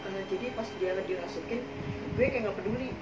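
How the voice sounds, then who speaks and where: A hoarse, coughing young woman co-hosts a podcast, sharing her own experiences in casual Jakarta slang. She is chatty and frank, rambling through her story with plenty of fillers at a medium pitch and fairly quick pace. Sitting some distance from the mic in an echoey room, her voice bounces off the walls over a steady background noise.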